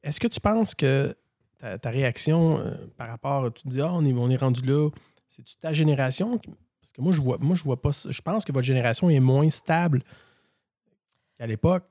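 A man in his forties speaks with a Québécois accent, asking probing questions on a panel and halting over repeated words. His voice is warm and dark, and the sound is dry and close. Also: medium pitch, animated, no room sound. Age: 40s. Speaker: panel guest. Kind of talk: casual talk-show chat.

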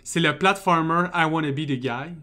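A man's voice: a little high, moderate pace, bright, forceful tone. A man chatting casually and laughing often. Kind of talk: casual chat.

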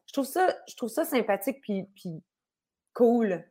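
A woman with a Québécois French accent, a singer speaking as an interview guest and telling stories with lively acted-out asides. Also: on the high side, a little slow. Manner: lively storyteller who acts out quoted people. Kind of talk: casual remote interview.

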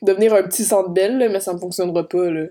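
A woman's voice: medium pitch, fairly even intonation, quick pace, dark tone. A young woman with a Quebec French accent, co-hosting a casual podcast chat full of slang and laughter. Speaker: podcast co-host.

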